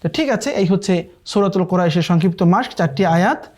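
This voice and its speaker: Man teaching Quran recitation. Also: high voice. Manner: explains quickly, then recites verses slowly and drawn out; often checks in with listeners asking "okay?". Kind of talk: online tajweed lesson.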